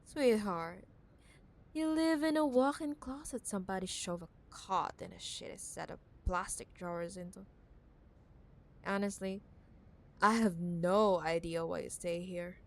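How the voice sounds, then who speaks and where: In an intimate cyberpunk ASMR roleplay, a woman with a fairly low voice plays a wealthy CEO ex-girlfriend who is possessive and condescending. Her dramatic monologue is teasing and scornful, stretching out words for emphasis.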